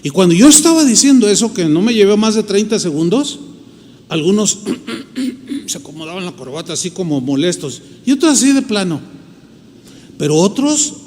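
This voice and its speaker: A man's voice: high-pitched, big pitch swings, moderate pace, a little mellow. A man with a Mexican Spanish accent, a pastor telling a story in a sermon and acting out the voices of the people in it. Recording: long hall reverb.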